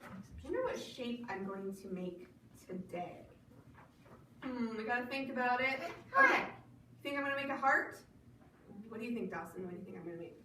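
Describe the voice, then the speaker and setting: A woman librarian leading a children's storytime with rhymes and songs, in an animated, encouraging sing-song manner. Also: medium pitch, fairly quick. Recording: echoey room from far off, audible noise.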